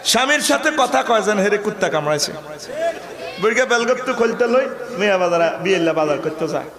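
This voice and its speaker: A man preaching a sermon with a Comilla Bangla accent, joking and shouting, acting out voices. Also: sits high, animated, a little fast, reverberant. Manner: humorous, shouting, acts out women's voices. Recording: crowd audible behind.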